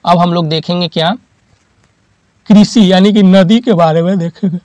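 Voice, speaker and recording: A man teaches in a high, clear voice, and the recording is close and dry. He keeps asking listeners questions and then answers them himself. He repeats each key term, and his examples come from daily life. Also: fairly even intonation, moderate pace, darkish tone, no room sound. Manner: uses homely examples, repeats key terms. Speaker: exam-prep teacher. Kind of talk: classroom lecture.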